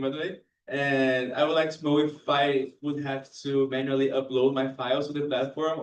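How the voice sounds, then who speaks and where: A man of middling pitch asks a question from the audience, casual and self-deprecating. His voice is distant and carries a roomy echo. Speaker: audience member. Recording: echoey room, distant mic.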